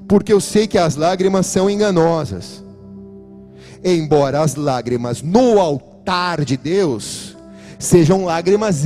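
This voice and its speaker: With a high-pitched, mellow voice and a Brazilian Portuguese accent, a pastor preaches an emphatic church sermon, speaking directly to his congregation.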